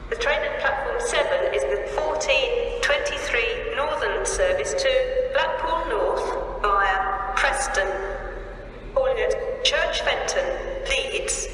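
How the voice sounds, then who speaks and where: A woman giving automated railway station announcements over a public address loudspeaker in measured, evenly spaced phrases. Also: sits high, a little hiss or hum. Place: large railway station concourse. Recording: echoey station hall from far off.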